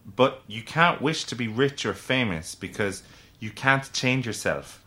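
Storybook role: man voicing a little leprechaun, theatrical and impatient, animated and crisp. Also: mid-range voice, takes it slowly. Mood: exasperated. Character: small exasperated male leprechaun, theatrical. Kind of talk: audiobook character voice.

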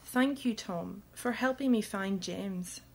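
Man voicing young girl, gentle, soft, very high. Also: slow, vocal fry, heavily acted. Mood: grateful.

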